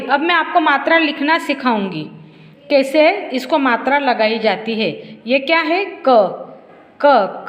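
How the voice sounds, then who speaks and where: A woman teacher giving a slow, repetitive lesson to first graders, asking questions and answering them herself. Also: sits high, fairly bright tone, lo-fi sound. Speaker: primary school teacher. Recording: echoey room with long reverb.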